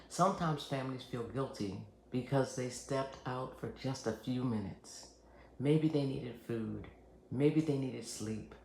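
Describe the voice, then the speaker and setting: A man with a creaky, gravelly voice presents scripted educational material as a hospice nurse. His delivery is measured, earnest and reassuring. The recording is roomy and echoing, with faint noise behind him. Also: medium pitch, a little mellow. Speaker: hospice nurse and channel host. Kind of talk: scripted educational narration to camera.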